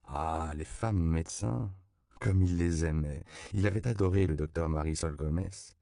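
A man reading a novel aloud as an audiobook narrator, measured and even, on a close studio mic. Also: low voice, vocal fry, clear, resonant tone, dry recording. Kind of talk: scripted narration.

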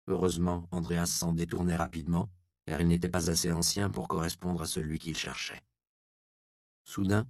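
Low, gravelly man narrating a grim tale. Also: a little mellow, dry recording, studio quality. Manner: grave, measured storytelling. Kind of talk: scripted audiobook narration.

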